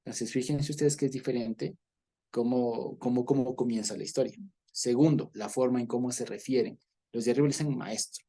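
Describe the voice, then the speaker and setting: A man's voice: medium pitch, fairly even intonation, fairly quick, dark tone. A man teaching a Bible study, explaining at length, repeating words and checking in with listeners.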